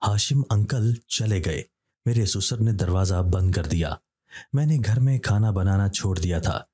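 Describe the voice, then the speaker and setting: Low husky male horror-story narrator. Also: a little slow, warm tone.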